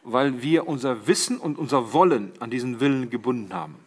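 A man's voice: medium pitch, fairly quick, a little mellow, breathy edge. A middle-aged man preaching a sermon, addressing the congregation as siblings and quoting Jesus with rising emphasis.

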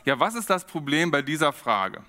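A man preaching a sermon, reflective and steady, often posing questions to his congregation. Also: fairly high pitch, moderate pace. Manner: reflective, poses rhetorical questions.

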